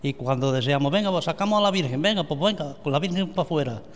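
A man's voice: on the high side, animated, quick pace. An older man from Andalusia telling stories in a radio interview, stumbling and repeating words as he goes. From Andalusia, Spain (La Rambla, Córdoba). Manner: hesitant, repeats words, homely storytelling. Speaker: vice president and founding member of a brotherhood. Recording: reverberant room.

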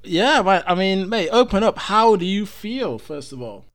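A man's voice: high voice, sing-song, moderate pace, noisy background. A man hosting a casual podcast, teasing his guest and calling him "mate" often. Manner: laughing, teasing, says "mate" a lot. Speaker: podcast host.

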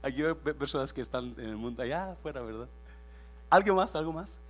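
A man's voice: medium pitch, lively intonation, a little fast. A man preaching a sermon in church as pastor. He preaches with emphasis, repeats his phrases, quizzes the congregation and drops English words into his speech.

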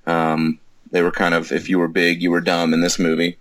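A man's voice: deep voice, monotone, normal speed, a bit bright, dry recording. A man co-hosting a casual movie review podcast, with dry, wry humor. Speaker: podcast co-host.

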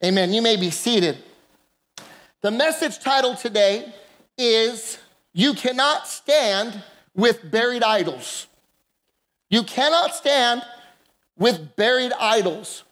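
A woman's voice: on the high side, lively intonation, takes it slowly, long pauses, a bit bright. A woman pastor preaching a sermon into a pulpit microphone in a church, emphatic and calling for the congregation's responses. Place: church sanctuary.

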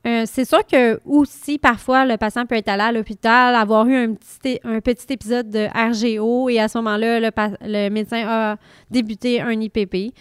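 A woman with a Quebec French accent answers interview questions in a methodical, explanatory way. Her voice is fairly high and very smooth, recorded dry with hardly any room around it. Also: fairly even intonation, moderate pace, dry recording. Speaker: guest pharmacist.

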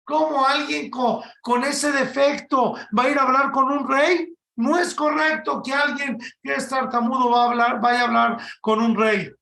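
Man, rabbi, sermon, animated, shouts for emphasis, rhetorical questions, high pitch, echoey room. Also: normal speed, gravelly, hardly any pauses. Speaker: rabbi giving a Torah talk.

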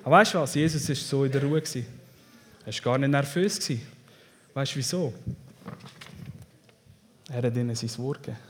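A man preaching a sermon with a Swiss German accent, animated, swinging between loud declarations and hushed asides. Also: mid-range voice, a little fast, long pauses, slight background noise. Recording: long hall reverb.

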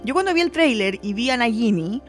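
A young Chilean woman hosting a casual podcast chat, animated and opinionated, laughing easily. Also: a little high, quick pace, faint music behind. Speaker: podcast host.

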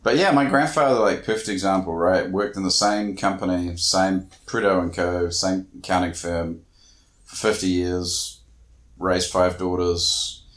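A man's voice: low-pitched, a bit bright, roomy sound. A man from small-town New Zealand, co-hosting a podcast in easygoing, chatty conversation. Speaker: podcast co-host. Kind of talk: casual chat.

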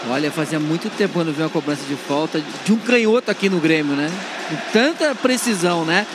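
A man gives football analysis in a high-pitched voice. His delivery is halting, with frequent tag questions, and there is clear noise from the live broadcast behind him. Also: animated. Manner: halting, keeps tagging phrases for agreement. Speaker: football pundit. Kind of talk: unscripted match analysis. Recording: noisy live stadium broadcast.

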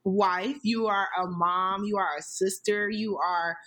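A woman in her thirties hosting a casual podcast, effusive and emotional, with lively jumps in pitch. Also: measured pace, noisy background. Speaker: podcast host.

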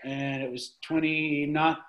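A man's voice: a little high, flat delivery, takes it slowly, dull audio. A man guest on a chat show telling a rambling, profane story in casual talk. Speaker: guest, fitness mentor.

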